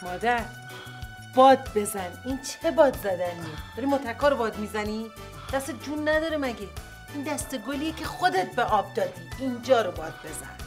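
Brief: bossy comedy-series mother, higher voice, scolds and coaxes, music bed, for an actress. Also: lively intonation, lightly acted. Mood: scolding. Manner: nagging, bossy. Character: scolding middle-aged mother fussing over her son. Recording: TV series audio with music score.

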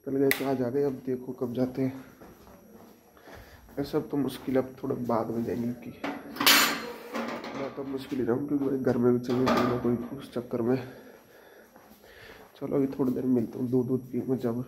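A man's voice: mid-range voice, little pitch movement, moderate pace, long pauses. A young man, chatting casually to his viewers in a village home vlog and calling them brothers. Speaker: vlogger. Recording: loud background noise, dogs barking.

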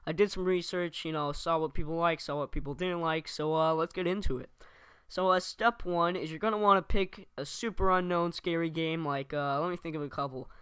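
Crisp, bright-voiced sarcastic man. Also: fairly high pitch, fairly even intonation, a little fast, no room sound. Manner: sarcastic, casually profane. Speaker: video host. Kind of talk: sarcastic mock tutorial.

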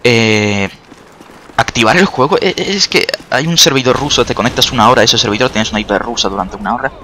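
There's a little hiss or hum as a young Spanish-accented man from Spain delivers let's-play commentary in a quick, sharp, mid-range voice, with faint game gunfire behind him. The YouTuber chats sarcastically about his play and now and then yelps at the game.

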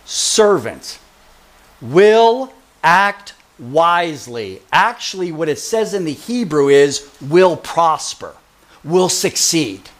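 A male Bible teacher with a high, very animated voice, stressing single words as he reads verses aloud. He talks at an unhurried, deliberate pace and keeps firing questions at his listeners. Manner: emphatic, quizzes listeners, repeats key words. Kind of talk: expository sermon.

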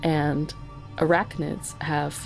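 This low-quality recording captures a woman whose voice sits low, creaky and level-toned, at a slow pace. She's a podcast guest and insect research technician who explains things in a casual, self-aware, nerdy way over background music.

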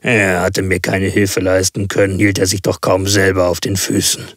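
A man's voice: sits low, flat delivery, moderate pace, no room sound, clean studio sound. A man voicing a stolid male police constable who talks in a blunt, matter-of-fact way.

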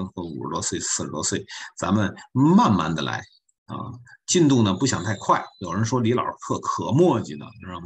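Man, low voice, online French teacher, folksy, joking, repetitive. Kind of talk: online language class.

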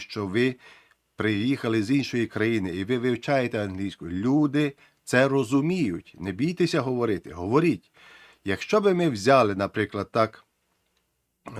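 A man's voice: medium pitch, no echo. Guy teaching a lesson, earnest, keeps repeating stuff, dry sound. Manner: earnest, encouraging, repeats key phrases. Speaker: English teacher.

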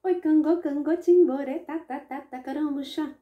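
A woman voicing a cheeky singing poop creature in a children's story, chanting high in a sing-song way. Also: steady tone, moderate pace, narrow, tinny audio, lightly acted. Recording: echoey room.

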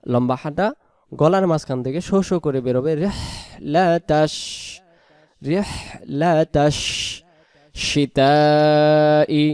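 A man with a Bangladeshi Bengali accent teaching Quran pronunciation word by word, explaining each sound and repeating words slowly. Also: medium pitch, warm tone, no room sound. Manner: explains, then chants words slowly and drawn out. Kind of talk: slow word-by-word pronunciation lesson.

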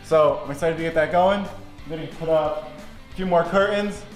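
A man's voice: fairly high pitch, normal speed. A young man in his twenties, chatting upbeat and self-deprecating in a casual behind-the-scenes vlog. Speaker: video creator and host. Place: basement set, indoors. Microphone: handheld camera at arm's length and seated interview. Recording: echoey basement room with faint music.

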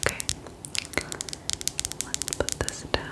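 A woman in her twenties whispering softly and close to the mic as an ASMR host, gently repeating the odd word. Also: slow pace. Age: 20s. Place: small dim room indoors. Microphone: close mic, near the mouth.

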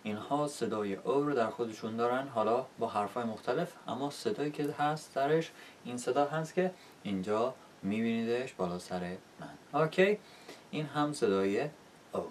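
A man's voice: on the low side, recorded from a distance, a little hiss or hum. A man teaching English pronunciation in a video lesson, patient and encouraging, often checking in with the class.

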